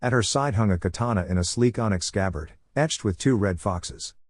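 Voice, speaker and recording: A man narrating a fan fiction story in an even storytelling read, voicing every character himself. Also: lowish voice, normal speed, dry recording, clean studio sound.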